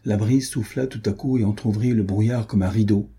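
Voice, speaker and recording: Very dark and husky, this male narrator's lowish voice moves through a scripted audiobook reading at a steady, measured pace.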